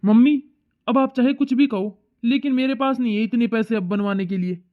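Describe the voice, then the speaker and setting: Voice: medium pitch, fairly even intonation, fairly quick, natural voice. A young son in a cartoon moral story, voiced by an actor. He pleads and argues stubbornly with his mother. The audio is thin and tinny, like a phone line. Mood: arguing. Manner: pleading, arguing back. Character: young working man, the son, reasonable but stubborn.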